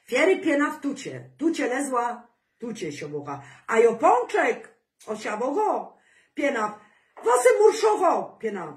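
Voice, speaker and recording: Female vlogger, casual chat, high and expressive; roomy, distant recording. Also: measured pace.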